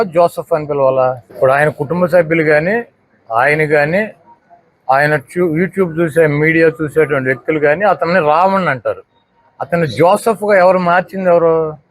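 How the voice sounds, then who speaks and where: A man giving a heated political press statement, firing off rhetorical questions one after another. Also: fairly high pitch. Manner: combative, fires rhetorical questions. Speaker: political spokesperson at a press meet.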